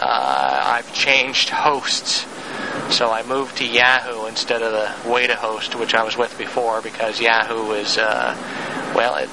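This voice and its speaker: A man's voice: medium pitch, background noise. A man hosting his own show, rambling with frequent restarts, recorded on a handheld tape recorder inside a van. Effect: lo-fi cassette tape recorder recording. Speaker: podcast host. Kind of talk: casual solo show monologue.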